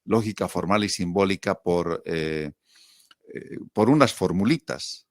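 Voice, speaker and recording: A man's voice: low voice, measured pace, no room sound, studio quality. A middle-aged man with a Bolivian accent, reminiscing casually as an interview guest and telling his stories with quotes and rhetorical questions. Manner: animated storyteller, acting out quotes and asking himself rhetorical questions.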